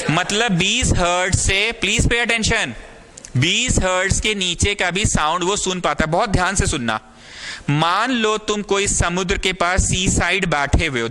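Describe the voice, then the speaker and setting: Bright, lively man teaching a class. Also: sits high, slight background noise. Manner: lively, teasing students, acts out examples. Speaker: physics teacher. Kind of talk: classroom lecture.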